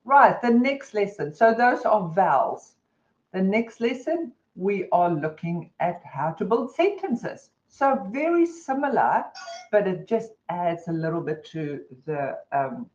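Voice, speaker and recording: A woman with a New Zealand accent talks through lesson material in a relaxed, conversational webinar style and uses plenty of fillers. Her voice sits at a middle pitch. The audio is dull and lo-fi, like a video call. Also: slow. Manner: chatty, conversational, many fillers. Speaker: presenter. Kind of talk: webinar presentation.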